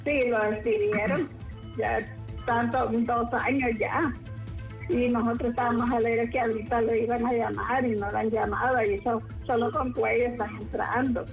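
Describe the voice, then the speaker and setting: An elderly Honduran woman calls in to a radio program and pleads in a halting way, stopping and restarting often. Her slightly high voice comes through a muffled phone line, with faint music behind. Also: fairly even intonation, vocal fry. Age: 70s. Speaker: caller. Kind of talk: phone-in complaint.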